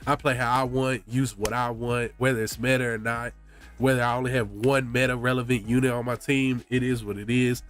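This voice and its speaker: A man's voice: mid-range voice, little pitch movement, a little fast, a bit bright, soft background music. A man streaming a game while sick with a blocked nose, chatting casually with viewers in loose, slangy speech full of "bro". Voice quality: congested, stuffy nose. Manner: slangy, often says "bro".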